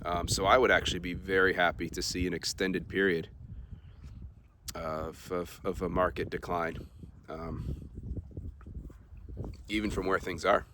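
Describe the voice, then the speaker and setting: Deep-voiced man rambling casually. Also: measured pace, pauses often, a little hiss or hum. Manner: relaxed, rambling, many ums and uhs. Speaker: vlogger. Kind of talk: casual talk to camera.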